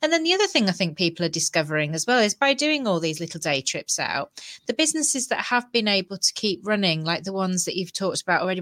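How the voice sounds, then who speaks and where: A woman's voice: medium pitch, fairly bright tone, no room sound. Chatty woman co-host, dry close sound. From United Kingdom. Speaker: podcast co-host. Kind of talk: casual podcast discussion.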